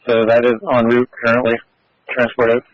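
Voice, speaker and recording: A man's voice: medium pitch, monotone, moderate pace, no room sound. A man coordinating search traffic over a two-way radio, talking in a plain, practical way that cuts in and out with static bursts. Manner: plain, practical, repeats himself. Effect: dispatch radio with static bursts. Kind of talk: two-way radio dispatch talk. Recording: dull, dry two-way radio audio.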